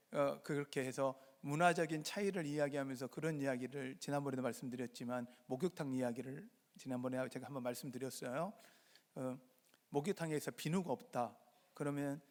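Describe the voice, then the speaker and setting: A male pastor from Jeolla preaching a sermon to his congregation, posing rhetorical questions and answering them himself. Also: on the high side. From Jeolla, Korea. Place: church sanctuary. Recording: reverberant church hall.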